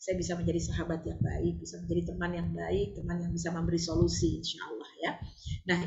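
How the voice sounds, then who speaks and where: An older woman teaching a religious study group, animated and often asking her listeners to agree. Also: mid-range voice, reverberant, muffled recording, a little hiss or hum.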